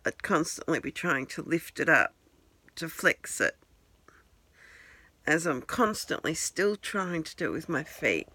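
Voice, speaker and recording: Her pitch is extremely low, the tone a bit bright and slightly rough, and the recording is dry. She's a vlogger at home, talking casually and self-deprecatingly to her handheld phone's camera in a rambling way.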